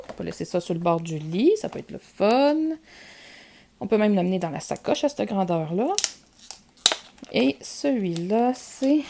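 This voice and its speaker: Showing off her purchases in a casual vlog, this Québécois French-accented woman talks with lots of filler words. She has a warm, gravelly voice at medium pitch.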